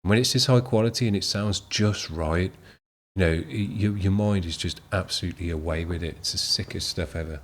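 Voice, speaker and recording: A man's voice: deep voice, a little fast. A man in his late thirties hosting a music channel, chatting casually and enthusiastically with lots of fillers. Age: 30s. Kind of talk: casual chat.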